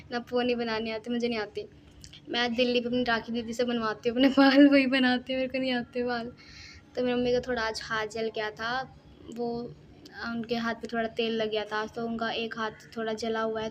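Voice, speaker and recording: A woman's voice: fairly high pitch, a little hiss or hum. A young woman vlogging at her family home, chatting casually, teasing and laughing often. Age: young adult.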